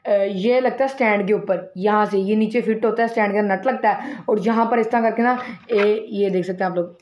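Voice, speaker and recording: A man's voice: sits high, fairly even intonation, brisk, darkish tone, lo-fi sound, slight background noise. A man, chatting to viewers in a casual unboxing and mic-test vlog. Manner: chatty, talks straight to viewers, many fillers. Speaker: vlogger.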